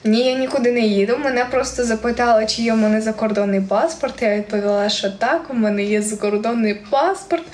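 Young ukrainian woman, surzhyk accent, chatty live stream, bit high voice, echoey room w/ faint hum. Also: fairly even intonation, fast, hardly any pauses, a little mellow. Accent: central Ukrainian surzhyk. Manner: reads viewer comments aloud and answers them, giggly. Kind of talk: casual live-stream chat reading comments.

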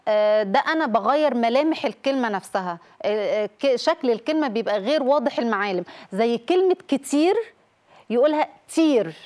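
A woman's voice: fairly high pitch, animated, fast talker, darkish tone. A woman speaking with an Egyptian accent, a family counselor explaining children's speech problems on a TV talk show and acting out mispronounced words. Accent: Egyptian Arabic.

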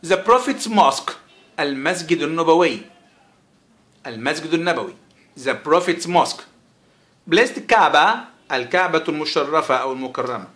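An Egyptian man teaches vocabulary with a bright, slightly high voice. He stretches each English word out slowly and says it again and again. The room gives his voice a roomy echo. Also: expressive. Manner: says English words very slowly and repeats them, then explains quickly. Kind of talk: vocabulary lesson with slow repetition.

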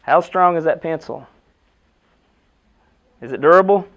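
A man's voice: fairly high pitch, a little slow, muffled recording. A middle-aged American man, a basketball coach, giving a motivational locker-room pep speech in short emphatic phrases with rhetorical questions. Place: indoor team locker room. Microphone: camera a few metres away.

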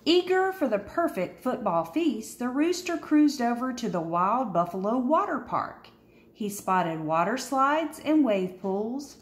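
Recorded in a spacious, echoing indoor room, a storybook reader with a mid-range voice performs a children's picture book. She reads expressively, leaning on emphasis and dramatic pauses.

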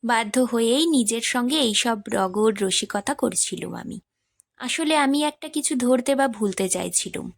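A woman narrating a literary short story as an audiobook, in a measured, expressive reading. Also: a little high, creaky, no echo, studio quality.

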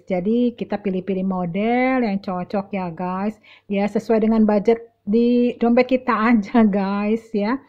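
This casual walk-and-talk shopping vlog comes from a middle-aged woman in a big indoor mall, who addresses her viewers directly and frequently repeats herself. Her voice is medium in pitch, and the recording has its highs cut off.

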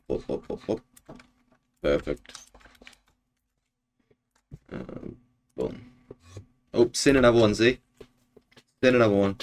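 Slow-talking young New man streaming. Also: mid-range voice, slight background noise. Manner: laid-back, chatty with viewers, lots of fillers. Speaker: Minecraft streamer. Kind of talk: casual live-stream gaming chat. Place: home room, indoors.

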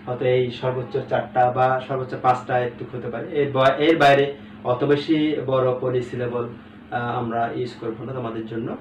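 Male teacher, mid pitch, patient syllable drills; roomy, distant mic with faint room noise. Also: level tone. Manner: spells out words slowly syllable by syllable, checks in with "ঠিক আছে?". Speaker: English teacher. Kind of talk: recorded classroom lesson. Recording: echoey room, away from the mic, faint background hum.

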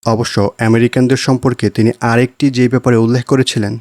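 A man reading an audiobook aloud on his own channel, in a formal, measured manner with short phrased pauses. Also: mid-range voice, little pitch movement, darkish tone, dry recording. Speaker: audiobook narrator. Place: home recording.

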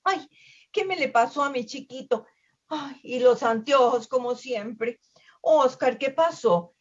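A woman's voice: high voice, lively intonation, quick pace, dark tone, slightly rough, highs cut off, pitched above the performer's own voice. A woman voicing a worried, doting mother manatee who fusses anxiously. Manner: fretful, fussing.

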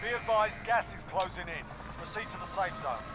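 A man voicing a male military mission announcer in a game, giving curt, barked orders over loud gunfire and engine noise. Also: high voice, lively intonation, brisk. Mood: commanding.

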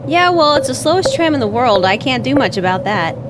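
A woman's voice: high voice, big pitch swings, a little fast, heavy background noise. A woman streaming a game with chatty, joking commentary. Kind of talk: casual let's-play commentary.

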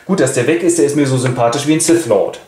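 A man's voice: mid-range voice, quick pace, darkish tone, echoey room, natural voice. A man voicing a cheerful, jokey young male friend. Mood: upbeat. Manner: upbeat, jokey.

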